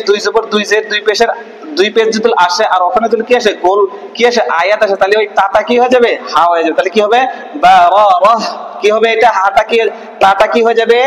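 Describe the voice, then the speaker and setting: High-voiced man drilling Quran syllables. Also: fairly bright tone. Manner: drills syllables, asks and answers his own questions. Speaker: Quran reading teacher. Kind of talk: spelling-out recitation lesson. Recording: echoey hall reverb.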